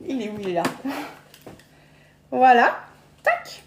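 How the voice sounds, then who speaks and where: High-voiced chatty woman in an echoey kitchen. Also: huge pitch swings, takes it slowly, background noise. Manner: chatty, laughs often, stumbles and repeats words. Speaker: cooking demonstrator on a live stream. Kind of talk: live cooking demonstration, chatty. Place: home kitchen.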